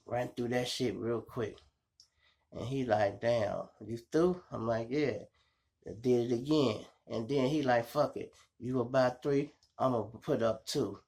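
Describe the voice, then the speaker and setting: A Chicago-accented man with a gravelly, mid-range voice hosts an online show, telling casual street stories in an animated, slangy style and acting out the dialogue. He addresses listeners as "y'all" and keeps a measured pace.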